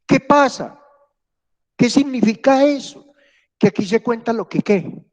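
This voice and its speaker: Animated teacher, high-pitched voice. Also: male voice, measured pace, long reverb tail. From Colombia. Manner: animated, chatty, acts out anecdotes. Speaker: history teacher. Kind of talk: classroom lecture with storytelling. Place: classroom, with hybrid remote class.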